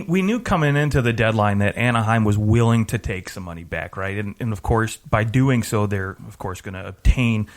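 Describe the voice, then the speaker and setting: A man co-hosting a casual hockey podcast, teasing his partner and giving analysis with lots of fillers. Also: on the low side. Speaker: podcast co-host.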